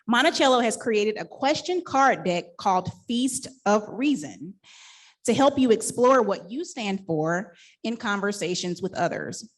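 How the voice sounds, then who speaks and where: An upbeat woman hosts a live panel, moving through a scripted introduction and slipping in light laughing asides. Her voice sits at an ordinary middle pitch for a woman. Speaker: event host and moderator.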